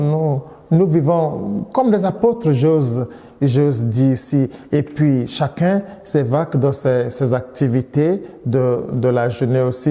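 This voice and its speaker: A man in his thirties from Nigeria, a priest giving interview answers in a measured way, often restarting and repeating words. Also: medium pitch, dark tone, long reverb tail.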